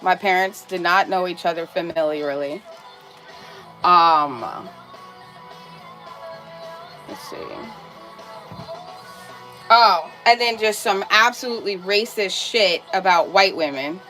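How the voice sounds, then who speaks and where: A woman's voice: lowish voice, expressive, takes it slowly, long pauses, bright, forceful tone, soft background music. Heated, profane woman streamer ranting. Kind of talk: casual ranting commentary.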